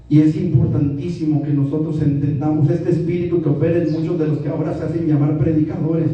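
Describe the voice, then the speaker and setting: A man's voice: a little high, warm tone, lo-fi sound. A Mexican man, a pastor, preaching a sermon in a church and addressing the congregation with rhetorical questions. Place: church sanctuary. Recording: very echoey hall, distant mic.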